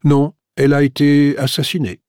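A man's voice: on the high side, level tone, moderate pace, a little mellow, dry recording, pitched above the performer's own voice, close to an everyday voice. A man voicing a pompous, self-important middle-aged police commissioner in an audiobook. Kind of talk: audiobook character voice. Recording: dry studio recording.

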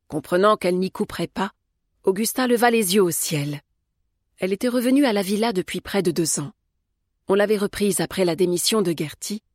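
Calm woman narrating an audiobook. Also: medium pitch, no echo, clean studio sound. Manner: calm, measured. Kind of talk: scripted narration.

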